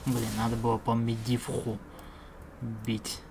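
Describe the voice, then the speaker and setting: A man's voice: mid-range voice, completely flat delivery, takes it slowly, heavy background noise. A young man streaming a game, giving casual reactive commentary in short, slangy bursts. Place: indoor room at a computer, webcam shown.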